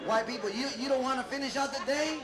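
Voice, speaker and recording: A middle-aged man doing a loud, profane, rambling stand-up set on a club stage, shouting his punchlines. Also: very high-pitched, quick pace. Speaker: stand-up comedian. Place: comedy club stage with a laughing audience. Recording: echoey live room, loud crowd noise.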